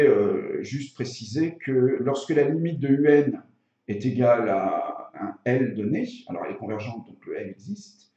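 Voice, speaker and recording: A man's voice: mid-range voice, dark tone. A man teaching maths step by step in a hesitant way, thinking aloud and correcting himself as he goes. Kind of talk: spoken maths tutorial, explaining step by step. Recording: echoey room, slightly dull sound.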